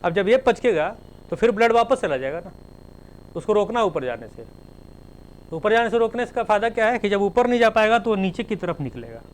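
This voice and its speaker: A man's voice: high voice, very animated, fairly quick, a little hiss or hum, rough recording. A male teacher giving a classroom lecture, spelling terms out letter by letter and explaining with everyday examples.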